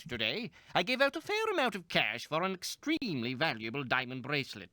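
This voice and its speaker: A man's voice: a little high, wildly swooping pitch, brisk, sharp tone, heavily acted. An actor playing a crusty, curt old male pawn shop owner in a game. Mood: complaining. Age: older. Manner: gruff and curt. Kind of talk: 1990s game voice acting.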